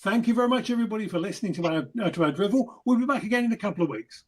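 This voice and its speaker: Male podcast host, husky tone, upbeat and affirming. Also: sits high, animated, rapid-fire. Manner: affirming, enthusiastic listener. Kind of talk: casual chat.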